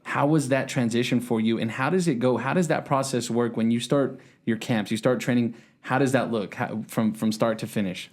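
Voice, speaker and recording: Podcast host guy, mid pitch, friendly, asks long winding questions. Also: moderate pace, few pauses. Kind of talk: casual interview chat.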